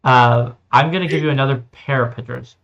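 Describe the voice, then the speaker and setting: Gravelly-voiced man on a muffled podcast mic. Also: mid-range voice, steady tone, fairly bright tone. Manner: brisk run-through of names, chatty. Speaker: podcast co-host. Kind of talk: casual chat. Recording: slightly muffled lo-fi recording.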